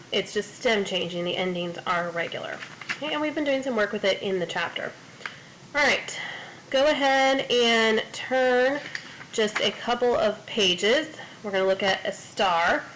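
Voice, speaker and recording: A woman's voice: medium pitch, fairly bright tone, slight background noise, low-quality recording. A woman teaching Spanish in a recorded lesson, explaining patiently step by step with frequent fillers.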